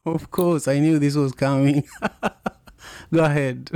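A man's voice: fairly high pitch, steady tone, slow, mellow, clear, resonant tone, dry recording. Kenyan guy w strong accent, luo and swahili speaker, chatting as podcast host, dry close sound. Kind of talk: casual conversational interview.

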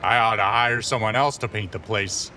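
An impatient office owner, as a narrator puts him on, scolding in a bright, tense voice. His barking lines sit over faint street-like noise. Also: on the low side, moderate pace.

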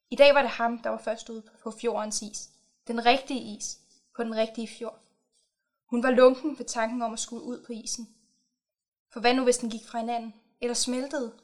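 A woman reads aloud a short story she wrote herself, in a measured storytelling manner. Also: fairly high pitch. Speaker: author. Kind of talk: reading her own short story aloud.

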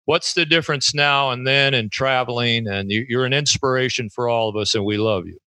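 A man's voice: mid-range voice, fairly quick, sharp tone, dry recording. A man interviewing an older musician, asking questions in a friendly, admiring way.

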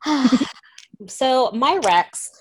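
A woman's voice: high voice, animated, very slow. A woman co-hosting a podcast in casual chat, blunt and offhand with casual swearing. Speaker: podcast co-host.

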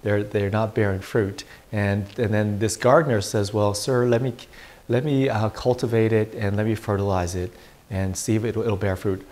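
Low-voiced man preaching as a priest. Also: steady tone, moderate pace, a little mellow. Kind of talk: Gospel reading and informal homily.

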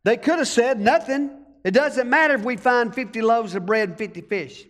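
A pastor's very high-pitched voice, at a normal speed, rings out with a long reverb tail. Speaking with a rural American country accent, the storytelling preacher delivers a folksy sermon and asks his congregation to respond.

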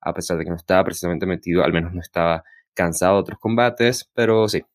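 Low-voiced man in casual review chat. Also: steady tone, fast talker, no echo, studio quality. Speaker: podcast co-host reviewing wrestling.

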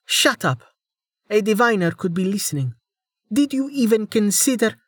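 A man doing a blunt young adventurer woman from a storybook, raised well above his own pitch. She is sharp and impatient, heard dry and close. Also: lively intonation, normal speed, dry recording. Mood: heated.

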